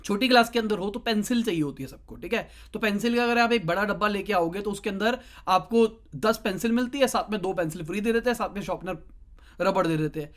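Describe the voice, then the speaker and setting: A young man talks casually, giving advice in a clip. He speaks straight to the viewer in a chatty, conversational way, slipping in quick asides as he goes. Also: high-pitched, fairly bright tone. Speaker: digital marketing YouTuber giving advice.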